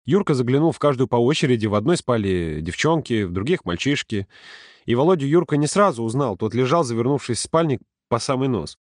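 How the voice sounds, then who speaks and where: A man narrating a story in a calm, steady audiobook reading. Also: medium pitch, brisk, dry recording, studio quality. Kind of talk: scripted narration.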